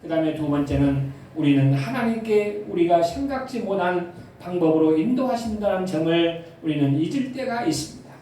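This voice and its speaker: A man's voice: sits high, animated, moderate pace, dark tone, a little hiss or hum. A male pastor preaching a sermon, asking the congregation questions as he goes. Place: church sanctuary. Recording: echoey church sound from far off.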